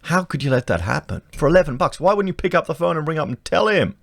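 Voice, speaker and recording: A man's voice: fairly high pitch, very animated, fast talker, creaky, dry recording. An Australian man, a vlogger, reading news items aloud and breaking off into indignant commentary with slang and rhetorical questions. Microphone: podcast microphone.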